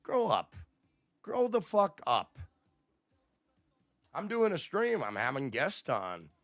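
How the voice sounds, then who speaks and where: Male streamer, profane, combative, lively swings in pitch, slow delivery, dry close sound. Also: no room sound, faint music behind. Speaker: livestream host. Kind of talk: casual livestream rant to chat.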